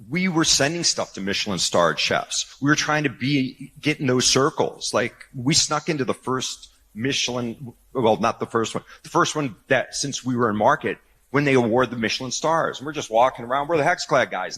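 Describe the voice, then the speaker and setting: Brief: male CEO guest, slightly rough voice, casual anecdote-telling with quoted dialogue. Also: mid-range voice, animated, moderate pace, a bit bright, low-quality recording. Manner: chatty, many restarts, acts out quoted dialogue. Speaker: company founder and CEO, guest. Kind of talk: casual interview storytelling.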